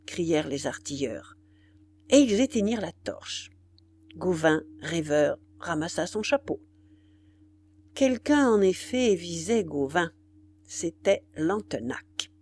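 A woman's voice: mid-range voice, warm tone, a little hiss or hum. Woman reading a novel dramatically. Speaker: narrator. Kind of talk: audiobook narration.

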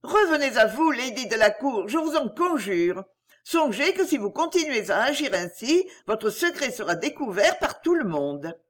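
Woman playing a soft-spoken young friend, high and pleading, lively intonation. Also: a little slow. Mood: firm. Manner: soft and soothing, pleading, firm when needed.

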